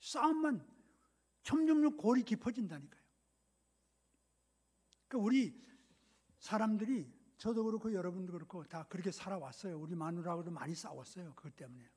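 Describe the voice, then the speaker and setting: A middle-aged male pastor preaching a sermon, swinging between loud scolding quotes and hushed, whispered asides. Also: high-pitched, expressive, a little fast, long pauses, slightly rough.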